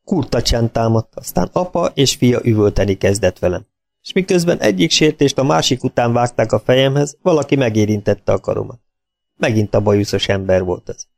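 A man's voice: mid-range voice, lively intonation, creaky, darkish tone. A man reading a first-person story aloud as an audiobook narrator.

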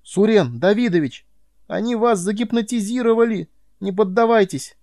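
A man reading an audiobook voices a frightened, defiant teenage boy who shouts in panic. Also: high-pitched, normal speed, no echo, clean studio sound, pitched above the performer's own voice. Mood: panicked shouting.

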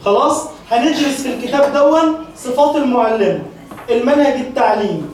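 Woman, Egyptian accent, Quran teacher, brisk classroom lecture, keeps checking in, very echoey, far from mic. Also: high-pitched, darkish tone. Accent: Egyptian Arabic. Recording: very echoey hall, distant mic.

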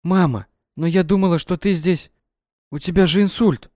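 A man's voice: sits high, normal speed, warm tone, no room sound, clean studio sound, voice pushed up, natural voice. A man voicing a young woman, an anxious, indignant daughter. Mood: upset.

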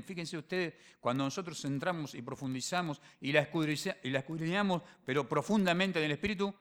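A man with a Rioplatense Spanish accent preaching a sermon as pastor, animated, dropping to quiet phrases and then rising to loud emphatic ones. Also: on the high side. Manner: animated preaching, acts out voices and dialogues.

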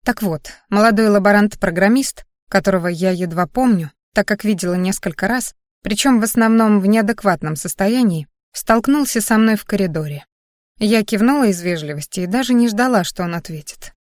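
A woman reads a novel aloud in the first person, in an even, conversational storytelling manner. Her voice sits in a middle pitch. The recording is dry and close, with no room sound. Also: brisk, no room sound. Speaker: audiobook narrator. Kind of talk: first-person audiobook narration.

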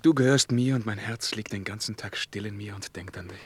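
An actor playing a brooding, lonely young lieutenant in a 1950s German radio play, speaking earnestly and with feeling. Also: male voice, lowish voice, fairly quick, breathy edge. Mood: devoted. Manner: earnest, emotional, at times softly murmured. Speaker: lead character and first-person narrator.

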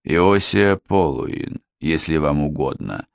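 A man's voice: rumbling low, slow pace, vocal fry, dry recording, full character voice. A man voicing a sinister impostor preacher, cold, insolent and clipped, recorded dry and close.

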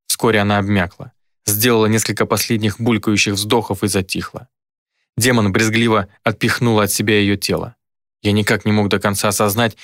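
Guy reading a dark fantasy audiobook, steady and serious, bright voice, super dry close recording. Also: on the low side, no room sound. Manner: measured, grave first-person narration. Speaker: narrator.

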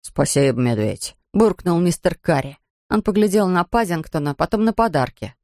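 A woman narrating a storybook reading, steady and expressive. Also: fairly low pitch, normal speed, no echo, clean studio sound.

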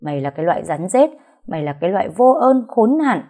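A woman voicing an arrogant, scheming young woman in an audio story, who accuses and shouts. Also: fairly low pitch, animated, a little fast. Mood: furious accusing.

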